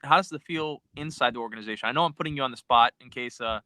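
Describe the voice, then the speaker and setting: A man hosting a casual interview, encouraging his guest and quick to agree. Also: medium pitch, bright, forceful tone. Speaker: podcast host.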